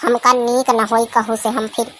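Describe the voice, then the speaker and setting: A woman's voice: a little high, little pitch movement, normal speed, fairly bright tone, slight background noise, close to an everyday voice. A woman voicing an easygoing young village woman in a comedy cartoon, chatty and teasing. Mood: coaxing.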